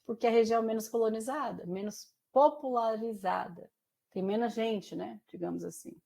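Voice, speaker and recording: A woman's voice: a little high, normal speed, creaky, mellow. A woman teacher from Mato Grosso do Sul with a Brazilian Portuguese accent tinged by São Paulo caipira speech, giving a chatty class lecture full of fillers and questions to her students. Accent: Brazilian Portuguese with São Paulo caipira influence.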